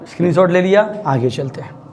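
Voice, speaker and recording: A chatty male grammar teacher. His voice sits high for a man. He explains rules patiently and keeps asking if the class is following, with a faint hiss of noise behind him. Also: a little fast, vocal fry, darkish tone. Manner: chatty, repeatedly asks students if they understood.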